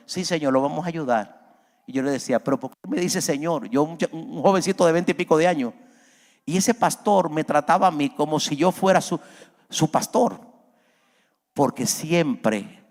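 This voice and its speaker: A man preaching a sermon as a pastor, his voice climbing high and loud as he acts out pleas. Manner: preaching, voice rises high and loud when acting out Peter's plea. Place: church hall. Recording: long reverb of a large church.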